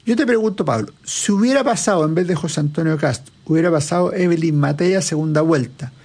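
A man with a notably high voice, speaking as an analyst in an interview. He explains at length in a lecturing manner, raising his own questions and answering them point by point. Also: a little fast, darkish tone, slightly rough. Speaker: political analyst guest.

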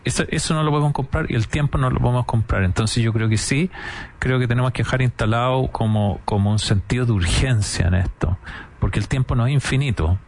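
A man's voice: mid-range voice, a little fast, a little mellow. A man with a Chilean accent hosting a conversational interview, talking in an enthusiastic, emphatic, rambling way.

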